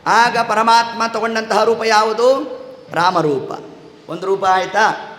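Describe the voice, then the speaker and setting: A man's voice: sits high, slow, a bit bright. A man telling a sacred story in a devotional discourse. He poses questions and answers them himself, and he speaks the lines of the figures in the story. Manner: acts out dialogue between figures in the story. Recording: echoey hall reverb.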